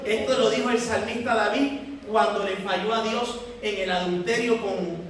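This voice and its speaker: A woman's voice: mid-range voice, steady tone, normal speed, crowd noise. A woman preacher teaching a sermon, asking rhetorical questions and addressing the congregation as brothers and sisters. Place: large echoey church hall. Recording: echoey church hall from far off.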